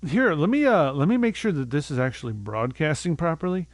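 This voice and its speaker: This young streamer has a fairly high voice with lively intonation and talks a bit quickly, with no room echo. Speaking into a desk mic, he rambles through casual game chatter, mocks himself, and occasionally sings goofy made-up tunes.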